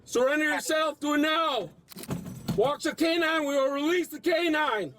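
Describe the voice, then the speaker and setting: Cop on a car loudspeaker, high-pitched, stern clipped commands. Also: male voice, normal speed, a little hiss or hum. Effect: through a police car loudspeaker. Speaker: police officer. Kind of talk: commands shouted over loudspeaker.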